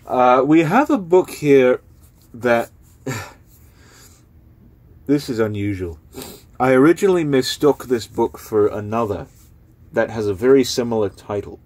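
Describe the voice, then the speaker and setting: A man's voice: medium pitch, expressive, darkish tone, no echo. A young man casually talking through books he is giving away, rambling with lots of fillers. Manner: rambling, filler-heavy, unhurried. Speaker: book vlogger. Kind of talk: casual spoken book review.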